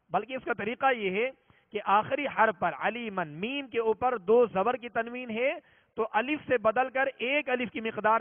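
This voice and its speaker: A man teaching a religious reading lesson, explaining patiently and repeating each rule, slowing down to sound out examples. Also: very high voice. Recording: tinny phone-like audio, long reverb.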